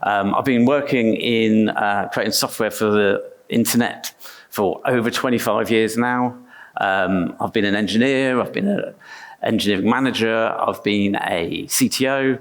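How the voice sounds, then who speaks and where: A man's voice: fairly low pitch, a little slow. A middle-aged English man giving a conference talk on stage, chatty and self-deprecating, with frequent restarts. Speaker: conference speaker.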